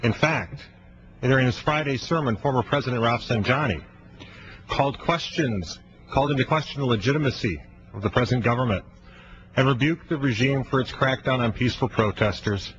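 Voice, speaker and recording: American guy doing a solemn parliament speech, formal and measured, dull sound with some hiss. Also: medium pitch. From United States. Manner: measured oratory, solemn and condemning. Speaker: legislator addressing the House. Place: legislative chamber. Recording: muffled audio with noticeable background noise.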